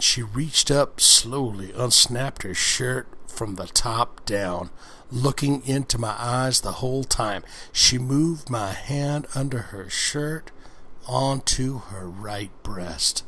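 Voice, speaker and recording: Reading an erotic book aloud ASMR-style, a man speaks slowly at medium pitch, animated, bright and forceful, with a slightly rough quality. He pauses between passages for crude, slangy, folksy asides.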